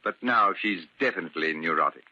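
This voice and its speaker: In a crackly, band-limited old radio recording that sounds muffled, a man speaks with a low, bright, forceful voice at a slightly fast pace. He is an actor in a vintage radio drama, playing a cruel, domineering older father-in-law whose formal, condescending courtesy comes across as icily polite.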